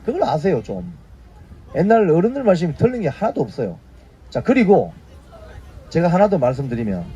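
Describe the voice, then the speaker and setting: On the high side and mellow yet husky, the voice belongs to a man in his fifties hosting a casual YouTube news briefing. He delivers spoken commentary, nudging viewers with brief tag questions, and the sound is lo-fi.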